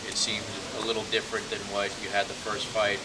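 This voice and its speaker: A man's voice: on the low side, monotone, fast. A man working as a reporter, asking questions at a press scrum. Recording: distant voice under loud room noise.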